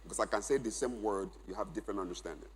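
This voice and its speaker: A middle-aged conference speaker talks very fast in a fairly low, slightly husky voice, teaching with emphasis at a church gathering. He repeats key phrases so people can write them down, and his voice rings through a large hall with a long reverb tail.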